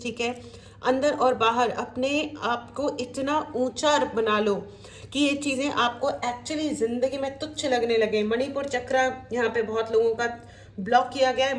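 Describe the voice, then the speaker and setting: A woman giving a spiritual tarot reading, mixing English into her talk and speaking straight to her viewers as friends. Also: a little high. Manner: mixes Hindi with English, addresses viewers as friends, warm reassuring asides. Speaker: tarot reader. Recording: echoey room with faint background noise.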